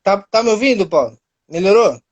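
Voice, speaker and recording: A man's voice: sits high, expressive, brisk, dull audio. Man on a freezing, choppy video call. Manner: patient, explanatory, keeps checking if he is heard. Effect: choppy, freezing video-call audio that cuts out. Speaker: co-host of a live stream. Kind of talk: casual live-stream chat. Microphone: phone on a live video call.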